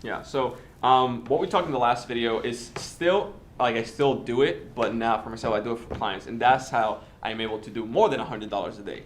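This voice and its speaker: A native Spanish speaker from the Dominican Republic, a man in his twenties, hosts a casual interview and tutorial. His mid-range voice carries a little hiss or hum, and he talks fast, full of fillers and restarts.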